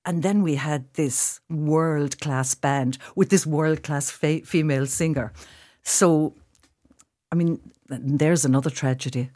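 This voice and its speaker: With a low, dark voice and an unhurried delivery, this Limerick actress and director, speaking in her home accent, chats as a radio guest. She reminisces thoughtfully, often circling back over phrases while she finds her words.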